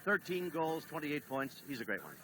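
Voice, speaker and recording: A man calling a late-1970s televised soccer match as play-by-play announcer, briskly reading standings, lineups and notices. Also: a little high. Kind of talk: 1970s TV sports broadcast. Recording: old TV broadcast with steady noise.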